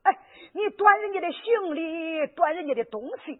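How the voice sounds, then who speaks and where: A woman's voice: very high-pitched, lively intonation, moderate pace. A woman storyteller voicing a frightened old village woman, who wails and exclaims in dialect. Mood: lamenting. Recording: narrow lo-fi radio recording.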